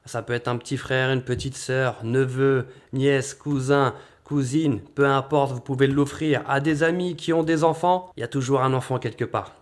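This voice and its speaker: A man's voice: mid-range voice, fairly even intonation, moderate pace, hardly any pauses. A man presenting a children's book in a casual walkthrough, chatty, sounding out letter names and often asking "d'accord?". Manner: chatty, repeats "d'accord" and "vraiment". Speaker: bookshop presenter.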